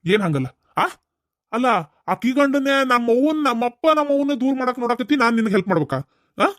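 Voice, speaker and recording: A man with a North Karnataka Kannada accent voicing a grown son in a cartoon family quarrel, demanding answers and calming his mother. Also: very high-pitched, quick pace, no room sound, studio quality. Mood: angry questioning. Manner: demanding, then coaxing and soothing. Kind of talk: cartoon voice acting.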